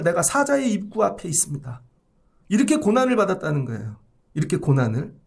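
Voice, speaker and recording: A man preaching a sermon as pastor, dramatic, acting out the voices he quotes. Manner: dramatic, acts out quoted voices with big swings in pitch and loudness.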